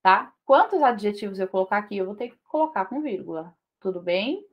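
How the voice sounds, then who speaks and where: A Brazilian woman teaching an online Portuguese grammar lesson, explaining in a lively way and checking in with short tag questions. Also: medium pitch, brisk, lo-fi sound.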